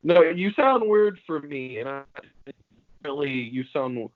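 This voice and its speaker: A man chatting on a podcast, pushing his side of a gaming argument in quick bursts. His voice comes through a bluetooth headset that makes him sound muffled and underwater, with a dull, lo-fi tone. The sound is dry and close, with no room around it. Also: fairly high pitch, animated, no room sound. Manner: insistent, argues his point in quick bursts. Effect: muffled, underwater-sounding bluetooth headset mic. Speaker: podcast co-host. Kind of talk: casual gaming chat among friends.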